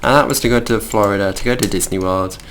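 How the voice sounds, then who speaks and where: A man's voice: fairly low pitch, quick pace, fairly bright tone, a little hiss or hum. A young man from the middle of England with a Midlands accent, chatting casually and rambling as he plays and hosts a game video. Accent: Midlands English. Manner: chatty, rambling, easily distracted. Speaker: gaming channel host.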